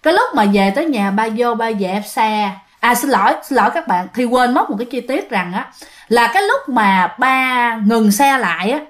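Chatty woman telling ghost stories. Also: fairly high pitch. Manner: chatty, addresses listeners directly. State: phlegmy throat. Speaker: ghost story narrator. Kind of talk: casual storytelling narration.

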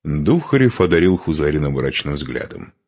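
A man reading an adventure novel aloud as narrator, in an expressive storytelling manner. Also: very deep voice, moderate pace. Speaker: audiobook narrator. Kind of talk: scripted narration.

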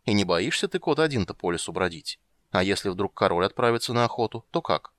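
A man's voice: lowish voice, very animated, quick pace, fairly bright tone, dry recording, clean studio sound. A man reading an audiobook, voicing a sly, boastful fox in a bedtime tale, in a knowing storyteller's tone.

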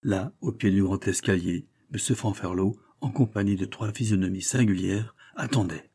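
Husky low-voiced male narrator. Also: dark tone. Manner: measured, storytelling. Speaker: audiobook narrator. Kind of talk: scripted narration of a novel.

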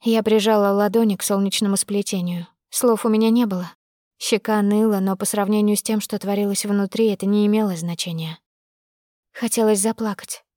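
A woman reading a first-person novel aloud as an audiobook narrator, with brisk, intimate storytelling. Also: mid-range voice, mellow, dry recording, clean studio sound.

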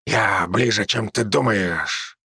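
A man voicing a mocking male druid who speaks through ravens, slow, scornful and taunting, with a gravelly voice. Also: on the low side, sharp tone, dry recording, clean studio sound, pitched below the performer's own voice, full character voice.

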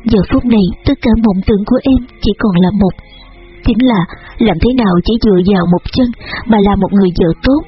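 A man reading an audiobook and voicing a tearful, injured young woman who speaks softly and pleadingly, with dull audio and faint music behind. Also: high voice, fast, breathy edge. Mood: wistful. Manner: soft, pleading, weeping.

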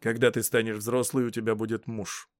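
A man reading an audiobook, voicing a brooding, dismissive young Roman man in a low, quiet voice. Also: flat delivery, fairly quick, dry recording, clean studio sound, lightly acted. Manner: low, quiet, curt delivery.

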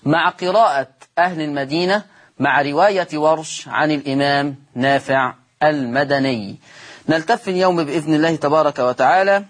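Husky Egyptian teacher explaining step by step. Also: male voice, on the high side. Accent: Egyptian Arabic. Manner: explains step by step, asks questions and answers them himself; slows down and chants when reciting the examples. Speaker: Quran recitation teacher. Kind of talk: televised Quran recitation lesson.

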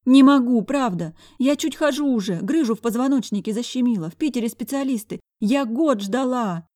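A woman's voice: brisk, dark tone, natural voice. A woman putting on a panicked, pleading woman. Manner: pleading, high and agitated. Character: panicked, tearful middle-aged woman.

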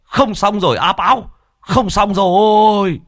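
A man voicing an old male village shaman who scolds and shouts. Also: fairly low pitch, big pitch swings, normal speed, no room sound, studio quality. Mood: panicked.

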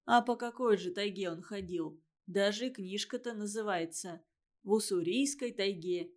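A woman's voice: medium pitch, normal speed, natural voice. A woman reading a story aloud and giving a condescending schoolboy his lines in a lecturing tone. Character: know-it-all schoolboy, condescending and boastful.

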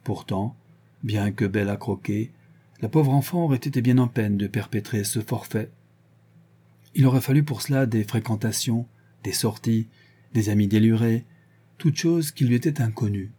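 A man narrating an audiobook in a measured storytelling manner. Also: lowish voice, warm tone, breathy edge. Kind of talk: audiobook reading.

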